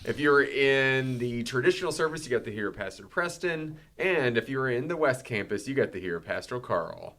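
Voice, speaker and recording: Male church-podcast host, mid-pitched, rambling and friendly. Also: lively intonation, normal speed, hardly any pauses, a bit bright. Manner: friendly, rambling, laughs often. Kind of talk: casual podcast chat.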